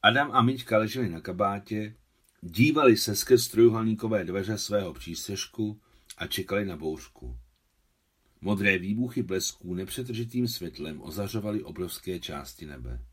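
A man, the book's translator, calmly reading his translated novel aloud. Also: on the low side, slightly rough.

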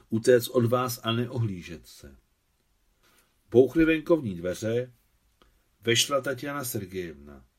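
A man reading his translation of a novel aloud in a measured, expressive way. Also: mid-range voice.

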